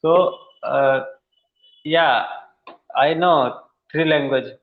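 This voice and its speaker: A man with an Indian accent, an English learner speaking in a halting, hesitant way over a video call. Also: fairly high pitch. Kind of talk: casual conversation practice. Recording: tinny echoey call audio.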